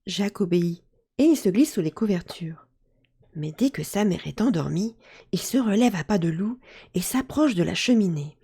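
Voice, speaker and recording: A woman narrating a children's story in a lively, expressive way. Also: mid-range voice, normal speed, slightly rough.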